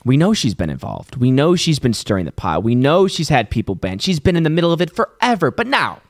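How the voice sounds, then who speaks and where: A male co-host who mocks and rants with big swings in his voice. His tone is theatrical and emphatic, sitting a bit high for a man. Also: sing-song, brisk, dry recording, studio quality. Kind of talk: casual commentary show.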